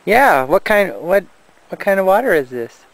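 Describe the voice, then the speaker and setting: A man's voice: high-pitched, big pitch swings, normal speed. A young father in casual talk with his small child, asking simple questions and echoing the child's words back. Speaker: father playing with his toddler.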